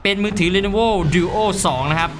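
A young man giving casual, excitable commentary while playing a mobile game, loud and swearing often. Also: high-pitched, moderate pace, faint music behind.

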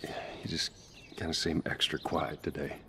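An actor playing a weary, gruff middle-aged survivor in a video game, speaking in a low, understated voice. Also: male voice, flat delivery, moderate pace, crowd noise. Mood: concerned. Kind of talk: game cutscene dialogue.

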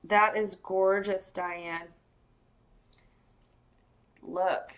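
A woman's voice: medium pitch, rough recording. A woman hosting a live pearl-opening sale, chatting casually and gushing to viewers by name. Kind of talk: casual live-stream sales chat.

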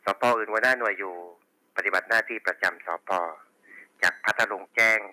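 Bright, low-voiced man dispatching over walkie talkie. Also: fairly even intonation, brisk, no room sound, rough recording. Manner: procedural, repeating call signs over walkie talkie. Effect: two-way radio. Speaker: police radio dispatcher. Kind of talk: formulaic police radio roll call, reading back station reports. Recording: walkie talkie radio channel.

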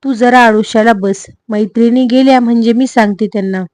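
A woman's voice: a little high, fairly even intonation, normal speed, a little mellow, no echo, natural voice. A woman doing a timid palace maid. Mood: questioning. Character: anxious young palace maid, polite and timid.

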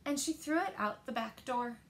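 The reader is a woman in her thirties whose voice is on the high side with a gravelly texture. Working as a story-time storyteller, she gives picture books to young children expressive, deliberate phrasing, recorded inside a living room.

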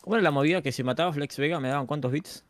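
A man with an Argentine accent playing a game with friends, exclaiming and complaining loudly in casual chat. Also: a little high, rapid-fire, no room sound, clean studio sound. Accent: Argentine Spanish. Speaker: guest player.

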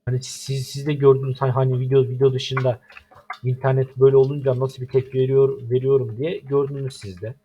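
A man's voice: medium pitch, flat delivery, fairly quick, dark tone, husky. A young man from Turkey with a Turkish accent, commenting over his own game and complaining in exasperation. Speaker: gaming YouTuber. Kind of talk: gameplay commentary.

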